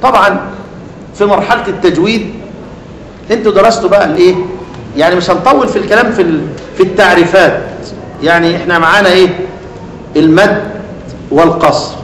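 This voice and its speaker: High-voiced Egyptian teacher in an echoey hall. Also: male voice, quick pace, pauses often, a bit bright. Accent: Egyptian Arabic. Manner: asks students leading questions, then answers them. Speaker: Quran recitation teacher. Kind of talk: classroom lesson. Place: lecture hall.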